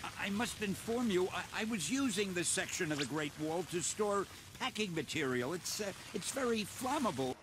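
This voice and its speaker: A stammering cartoon mayor. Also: male voice, high-pitched, expressive, moderate pace, background noise. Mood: sheepish. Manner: stammering, sheepish. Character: flustered stammering older male mayor. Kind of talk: cartoon voice acting. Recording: cartoon soundtrack with music.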